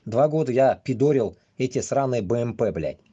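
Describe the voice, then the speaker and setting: A man rambles on a livestream, swearing constantly and bluntly in halting, choppy phrases. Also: medium pitch, lively intonation, warm tone, slightly rough, dull audio. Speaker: livestream host. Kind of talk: casual rambling live commentary.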